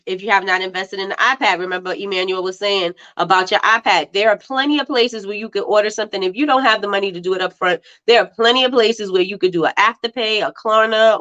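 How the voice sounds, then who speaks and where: A woman hosting a casual livestream reads viewer comments, chats, laughs often, and repeats herself. Her congested, stuffy voice is medium-pitched with a fairly bright tone, and the livestream audio is slightly dull and lo-fi.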